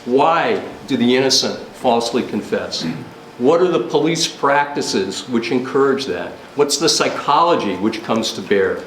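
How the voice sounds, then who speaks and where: A man giving opening remarks at a law school symposium as its organizer, earnest and pausing often with fillers. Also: medium pitch, animated, fairly bright tone, slight background noise. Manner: earnest, frequent filler pauses. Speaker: conference organizer. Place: law school lecture hall. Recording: roomy hall with faint ambience.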